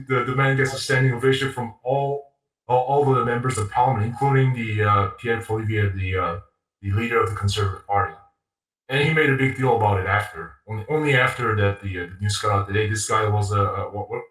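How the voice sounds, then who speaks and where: A man from Canada talking in a casual conversation, halting with many restarts and fillers. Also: medium pitch, fairly bright tone. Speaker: guest, YouTuber. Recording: roomy, distant from the mic.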